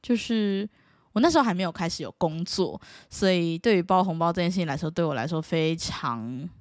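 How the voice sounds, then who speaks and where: A woman's voice: on the low side, brisk, no room sound, clean studio sound. A woman in her twenties with a Taiwanese Mandarin accent, telling playful stories in a casual vlog and laughing often. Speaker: vlogger. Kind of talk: casual storytelling.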